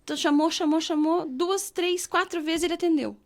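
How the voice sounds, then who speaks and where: Woman, high voice, from Brazil, personal faith testimony, earnest, emotional storytelling. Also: fairly even intonation. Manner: earnest, emotional storytelling, slows to read scripture. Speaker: guest sharing her testimony.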